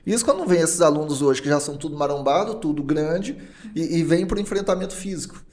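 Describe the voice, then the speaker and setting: A man's voice: fairly high pitch, fairly quick. A middle-aged man, a teacher and politician, telling stories as a guest in a casual interview and acting out the dialogue in them. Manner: animated, acts out quoted dialogue in his stories. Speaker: guest teacher and state deputy.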